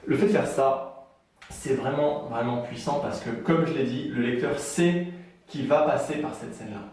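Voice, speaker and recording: A man's voice: mid-range voice, moderate pace, a little mellow, heavy reverb, recorded from a distance. A man giving a casual video lesson on writing, chatty with frequent fillers and restarts. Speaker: writing coach.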